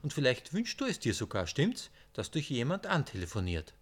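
A man's voice: medium pitch, moderate pace. A man voicing a cheerful, teasing old man while reading his book aloud. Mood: needling. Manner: lively, raised and teasing.

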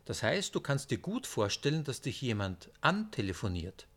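A man's voice: medium pitch, moderate pace. A man voicing a cheerful, teasing old man while reading his book aloud. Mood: needling. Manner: lively, raised and teasing.

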